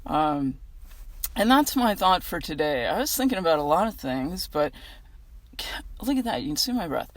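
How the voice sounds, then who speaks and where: A woman's voice: fairly low pitch, sing-song, moderate pace. An American woman giving a casual inspirational reflection outdoors in a parking lot, talking in a chatty, earnest, conversational way. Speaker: vlogger giving a weekly inspirational message. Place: outdoors in a gym parking lot in freezing cold.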